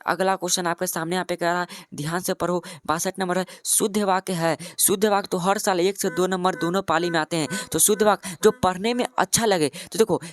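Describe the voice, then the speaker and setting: A man's voice: high-pitched, fairly even intonation, a little fast, hardly any pauses, dry recording. A man teaching as an exam coaching tutor, repeating each question, then its answer, and calling the listener "my brother".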